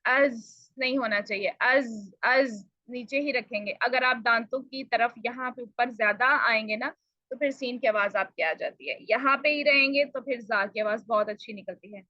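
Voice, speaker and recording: A woman with a slightly high voice teaches pronunciation, explaining patiently and saying each sound again and again so it can be copied. She addresses the learners politely. The recording is dry and a little dull, with no room sound. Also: no room sound. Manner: explains patiently and repeats sounds slowly to demonstrate. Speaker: tajweed teacher.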